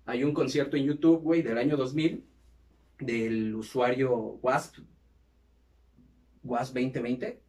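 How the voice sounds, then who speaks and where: A man with a Mexican accent and a medium-pitched voice hosts a casual podcast, recounting a band's history amid heavy slang and crude banter. He sounds far from the mic.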